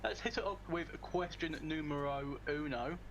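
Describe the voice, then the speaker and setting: A man's voice: fairly high pitch, normal speed, muffled recording, crowd noise. A man with a northern English accent interviewing a streamer in a casual, joking way, often stammering and restarting. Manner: stammers and restarts, dry jokes. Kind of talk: casual joking chat over a stream call.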